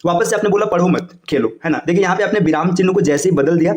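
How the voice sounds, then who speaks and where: A man teaching Hindi grammar for exam coaching, explaining fast and checking in with "है ना" and "देखिए". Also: high-pitched, darkish tone, echoey room.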